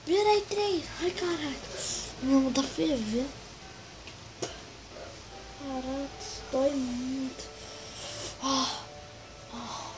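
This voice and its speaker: A woman vlogger giving casual, excitable commentary full of exclamations while she plays. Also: sits high, slow pace, long pauses, poor audio. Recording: loud music playing over the voice.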